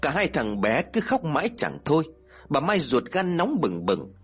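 A man narrates a ghost story with a husky, slightly breathy voice. His pitch rises and falls a lot, and the telling is dramatic and expressive. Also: normal speed, faint music behind.

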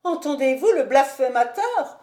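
A woman's voice: sits high, animated, normal speed, a little mellow, voice pushed up. A woman reading an audiobook, voicing a haughty noblewoman who speaks sharply and imperiously. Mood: triumphant. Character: haughty domineering noblewoman mother, shrill and triumphant. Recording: echoey room.

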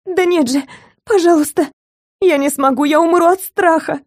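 A woman's voice: moderate pace, mellow, natural voice. Woman voicing a terrified, tearful young heroine. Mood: terrified pleading. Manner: high-pitched desperate pleading, near tears. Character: frightened young woman, kidnapped, pleading.

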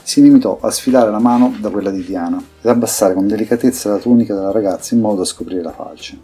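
Low husky male narrator. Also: quick pace, dark tone. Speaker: audiobook narrator. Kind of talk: scripted fantasy narration. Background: faint music.

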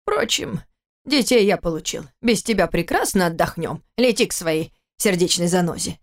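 A woman reading an audiobook, voicing a brisk, businesslike older father. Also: on the low side, sing-song.

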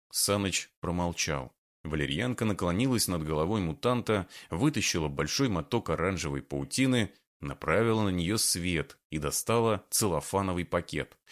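Low-voiced male audiobook narrator. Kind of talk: scripted narration.

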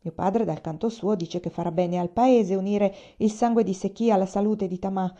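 A woman reading a novel aloud as an audiobook reader, in a steady, measured way. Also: medium pitch, muffled recording.

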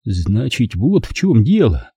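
Husky warm male audiobook narrator. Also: mid-range voice, very animated, slow pace, dry recording. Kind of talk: first-person audiobook narration.

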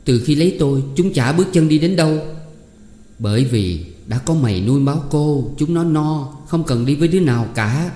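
Male reader as a tearful, pleading young son; raised, dark-toned voice, roomy reverb. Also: on the high side, lively intonation, normal speed, pitched above the performer's own voice, lightly acted. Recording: echoey room with long reverb.

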